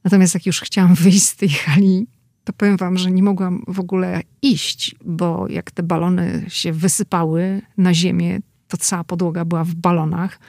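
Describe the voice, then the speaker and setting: A woman reporter talking casually and with animation about an event she attended, quick to push back in discussion. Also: fairly low pitch, flat delivery, creaky, darkish tone, no echo, studio quality. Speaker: correspondent.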